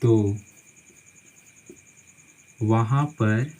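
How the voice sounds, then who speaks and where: Slow, repetitive male English teacher. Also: fairly low pitch, darkish tone, poor audio. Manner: slow, repeats key phrases and spells words letter by letter; says "theek hai" after nearly every point. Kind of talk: classroom-style lesson at a board.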